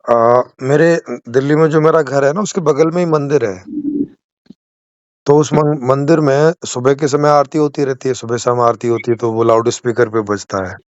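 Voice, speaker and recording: A man's voice: mid-range voice, fairly even intonation, normal speed, no room sound, muffled recording. Attentive man host on a video call. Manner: attentive, frequent short acknowledgements. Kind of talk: casual conversation.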